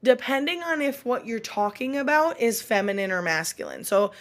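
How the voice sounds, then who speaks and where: A woman's voice: on the high side, expressive. Patient woman teaching a recorded lesson. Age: adult. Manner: patient, explains slowly, repeats example words. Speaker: Spanish teacher.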